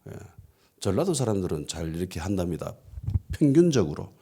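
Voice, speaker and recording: A man's voice: sits low, sing-song, a little fast, dark tone, slightly rough. A man with a Gyeongsang accent preaching a sermon, telling the story with quoted voices and frequent affirming asides. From Gyeongsang region, South Korea. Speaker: pastor. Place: church.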